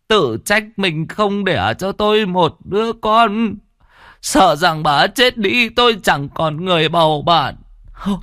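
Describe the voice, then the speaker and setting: A stammering timid old villager. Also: male voice, sits high, creaky, fairly bright tone, no echo, studio quality, pitched above the performer's own voice, heavily acted. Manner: stammering, trembling pleas. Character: timid old village man, terrified and grieving.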